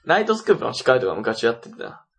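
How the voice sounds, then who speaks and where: A man's voice: medium pitch, sing-song, quick pace, a crowd in the background. A man in his twenties with a Kansai accent, chatting casually as a podcast co-host. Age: 20s. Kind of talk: casual chat.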